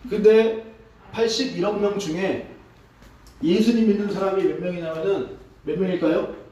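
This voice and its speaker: A man preaching as a pastor, asking his congregation questions in a relaxed, conversational sermon. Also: high-pitched, normal speed, lo-fi sound, slight background noise. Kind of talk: interactive sermon. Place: church sanctuary. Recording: echoey hall, distant mic.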